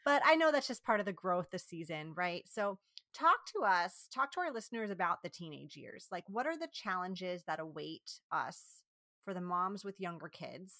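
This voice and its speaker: A woman's voice: on the low side, expressive, moderate pace, pushed and bright, no room sound, studio quality. A woman in her thirties hosting a podcast interview, enthusiastic and affirming as she asks questions. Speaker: podcast host. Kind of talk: casual interview chat.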